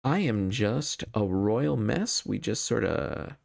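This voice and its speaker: A man's voice: fairly low pitch, animated, slow pace, gravelly, a little mellow. A man thinking aloud as he hosts a solo card game playthrough, casual and wryly self-deprecating.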